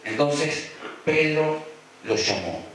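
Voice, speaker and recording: A man's voice: fairly high pitch, expressive, slow pace, fairly bright tone. A man with an Argentine accent preaching a sermon, acting out voices and repeating phrases for emphasis. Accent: Argentine Spanish. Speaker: pastor. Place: church hall. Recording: echoey church hall, mic far off.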